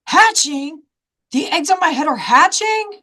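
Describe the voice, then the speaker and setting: A fussy, worried male elephant from a picture book, played by a woman. He frets and questions everything in disbelief. His pitch swings widely, dipping and leaping as he complains. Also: expressive, a little slow, bright, forceful tone, heavily acted. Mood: fretful, dismayed. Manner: fretful, incredulous questioning.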